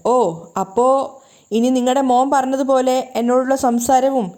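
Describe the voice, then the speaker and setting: A woman's voice: sits high, little pitch movement, normal speed, mellow, close to an everyday voice. A woman voicing a bold, defiant woman who challenges her secret partner. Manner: pushy, challenging.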